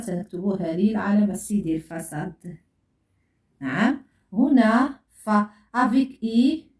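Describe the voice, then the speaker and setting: Slow, patient woman teaching. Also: medium pitch, a little mellow. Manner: patient, repeats and spells out sounds for pupils. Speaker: French teacher. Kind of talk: classroom lesson. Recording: echoey room, voice far from mic.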